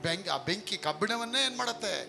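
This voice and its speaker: High-pitched guy preaching live, punchy, keeps throwing questions at the crowd, music under him. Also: expressive, fairly quick, creaky. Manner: emphatic, asks the congregation questions. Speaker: pastor. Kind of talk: live sermon.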